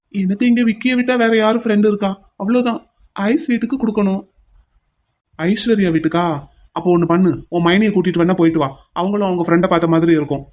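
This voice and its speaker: A man's voice: high-pitched, darkish tone, close to an everyday voice. A man voicing a humble, gracious young man in a cartoon, polite and modest.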